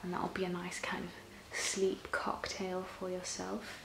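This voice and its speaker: Soft breathy woman, whispered role-play, roomy echo. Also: on the low side, completely flat delivery, takes it slowly. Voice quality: soft-spoken, often breathy and half-whispered. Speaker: ASMR performer playing a personal shopper. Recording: roomy echo, clear background noise.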